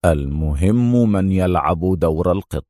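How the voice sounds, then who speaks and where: Man doing a calm, ironic male agent. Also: a little slow, dry recording, clean studio sound. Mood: wry calm. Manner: calm, low and wryly teasing.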